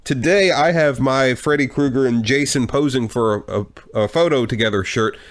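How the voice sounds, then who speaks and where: A podcast host runs a movie marathon show in casual chat, his mid-range voice at a normal speed. He's a little congested from a cold and tosses out wry jokes.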